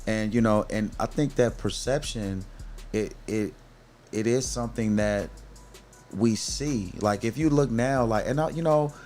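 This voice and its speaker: A man's voice: on the low side, unhurried, darkish tone, soft background music. A middle-aged man hosting a podcast in a casual, earnest way, often stopping to restart and calling his guest "bro". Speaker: podcast host. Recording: faint background noise.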